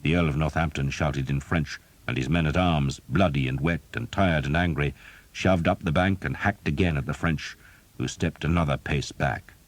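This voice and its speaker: A man narrating an audiobook in a steady, dramatic storytelling manner. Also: rumbling low, normal speed, dry recording. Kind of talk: scripted narration.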